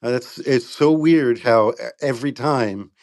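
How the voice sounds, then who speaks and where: A man's voice: mid-range voice, a little slow, a little mellow. A man co-hosting a podcast, talking casually and sarcastically about a court ruling, laughing often. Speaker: podcast co-host. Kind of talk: casual legal discussion.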